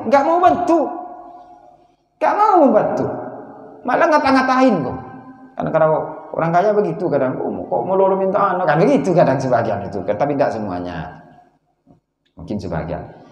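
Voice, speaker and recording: A man teaching a religious lesson, telling a story in a lively, repetitive style. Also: high voice, moderate pace, long pauses, muffled recording. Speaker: Islamic teacher. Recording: echoey hall reverb.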